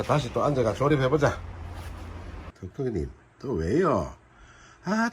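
A man's voice: fairly high pitch, a bit bright, a little hiss or hum. A man with a Gyeongsang accent chatting through a demonstration of his fishing gear. He banters with himself, asking questions and then answering them. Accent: Gyeongsang Korean. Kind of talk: casual product demonstration.

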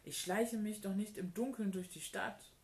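A woman's voice: mid-range voice, normal speed, a little mellow, lightly acted. A woman doing a timid whining boy. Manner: whining, fearful.

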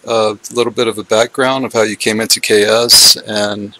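A man's voice: fairly low pitch, flat delivery, moderate pace, bright, forceful tone, dry recording, low-quality recording. A man hosting a casual interview, talking in a loose, chatty way with some hesitation. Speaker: podcast host.

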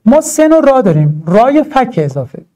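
A male teacher running through grammar points for an exam. His voice sits high, but its tone is dark and mellow. He swings his pitch up and down a lot. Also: slight background noise. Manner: animated, emphatic, drawn-out stresses and rhetorical asides. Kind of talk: exam-prep grammar lesson.

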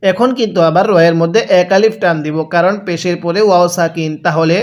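A man teaching Quran reading, spelling out each letter and then drawling whole phrases slowly for learners to repeat. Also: sits high, fairly even intonation. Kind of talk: step-by-step recitation lesson.

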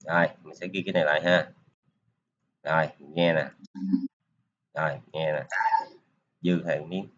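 Deep-voiced man teaching. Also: fairly even intonation, measured pace, long pauses, a bit bright, muffled recording. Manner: casual, talks while clicking through steps, many filler particles. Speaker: programming teacher. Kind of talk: screen-recorded coding tutorial.

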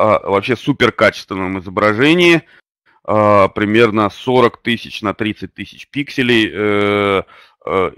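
A man hosting an online webinar, presenting unscripted and pausing often on drawn-out fillers. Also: on the low side, a bit bright, no echo, studio quality. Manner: hesitant, many drawn-out fillers. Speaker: webinar host.

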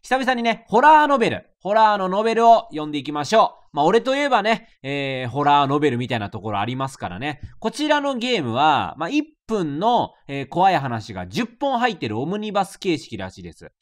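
A man streaming a horror novel game, reacting with quick joking asides between reading. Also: a little high, huge pitch swings. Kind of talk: let's play commentary.

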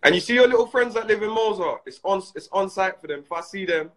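A man ranting and mocking on a phone Instagram live, excitable and slangy. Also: high-pitched, fast.

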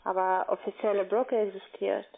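A phone scammer posing as a call-centre broker gets into an unscripted argument on a tinny call. Her medium-pitched voice is steady and gravelly, with a Russian accent and halting, non-native German phrasing.

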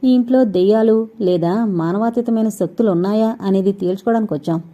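A level-headed investigating man speaks in an even, matter-of-fact way, as a woman narrator reads his lines. The voice is very dark and mellow. The recording sounds a little dull. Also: mid-range voice, brisk, close to an everyday voice. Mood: calm.

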